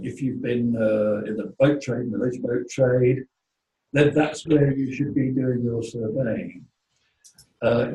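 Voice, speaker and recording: A man in his eighties speaks as a panelist, plain-spoken and emphatic, in a mellow voice. He is far from the microphone in a roomy hall. A faint noise sits behind him. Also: mid-range voice. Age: 80s. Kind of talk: panel discussion.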